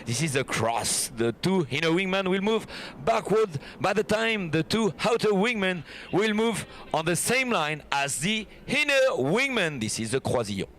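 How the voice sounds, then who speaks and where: A man's voice: high voice, very animated, normal speed, fairly bright tone. A man with a French accent giving live airshow commentary, explaining each formation in an admiring, showy way.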